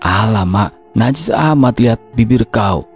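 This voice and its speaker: A man's voice: lowish voice, animated, a little slow, soft background music. A man voicing a blunt, mocking teenage schoolboy.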